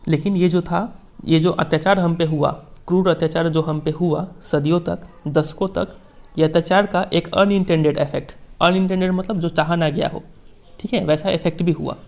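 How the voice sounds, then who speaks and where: A young adult male teacher with an Indian accent, reading English lines slowly and explaining them in chatty Hindi with frequent check-ins. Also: a little high, steady tone, vocal fry, a little mellow. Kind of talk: Hindi-English class lecture explaining a text.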